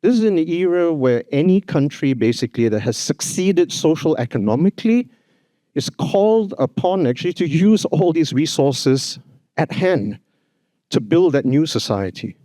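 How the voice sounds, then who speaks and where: A Singaporean man delivers a formal opening address in a hotel conference hall, earnest and emphatic, often slipping in "you know" and "actually." His voice is fairly high and mellow, animated at a moderate pace. The recording is dry.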